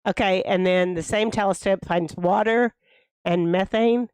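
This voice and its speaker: A woman's voice: medium pitch, steady tone, measured pace, a little mellow, smooth, no room sound. A woman in her late fifties co-hosting a casual couch chat, agreeing and prompting to keep going. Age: 50s. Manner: agreeable, prompting, many mm-hmms. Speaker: co-host.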